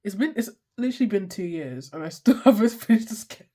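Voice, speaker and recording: A congested art vlogger in their twenties talks fast and expressively in a mellow mid-range voice while rambling through a sketchbook tour. They swear freely, poke fun at themselves, and trail off mid-sentence. There's a little hiss or hum on the recording.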